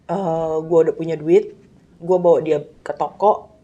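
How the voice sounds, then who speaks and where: A woman's voice: deep voice, steady tone, a little slow, warm tone, husky. A woman, casually telling a personal story and acting out dialogue with her child.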